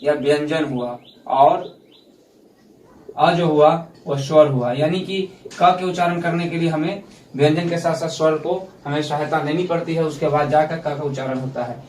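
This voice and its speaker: A man's voice: fairly high pitch, steady tone, moderate pace, darkish tone, distant mic, a little hiss or hum. Man teaching grammar in an echoey room. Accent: Hindi speaker from India. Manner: explains step by step, repeats points. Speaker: school teacher. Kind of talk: classroom grammar lesson.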